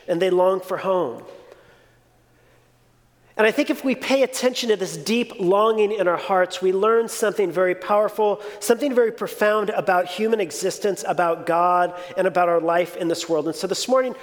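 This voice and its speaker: A man's voice: high-pitched, normal speed. Man in his forties, pastor, reflective sermon, echoing sanctuary reverb. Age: 40s. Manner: conversational, reflective preaching. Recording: reverberant hall.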